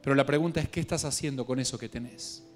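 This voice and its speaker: A man with a Guatemalan Spanish accent preaching a sermon, telling a Bible story with local slang and humor, moving between hushed reading and louder bursts. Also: mid-range voice, fast, faint music behind.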